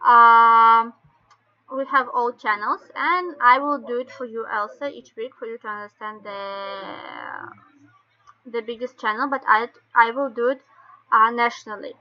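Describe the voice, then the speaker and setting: A woman with a Russian accent explains things step by step in halting non-native English, like an informal online training session. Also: a little high. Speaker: webinar presenter. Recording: dull lo-fi webinar call audio.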